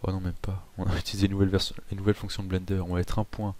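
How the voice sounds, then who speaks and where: A man hosting a casual software tutorial, chatty with self-mocking asides and frequent hesitations. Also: low-pitched, little pitch movement, racing. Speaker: tutorial host.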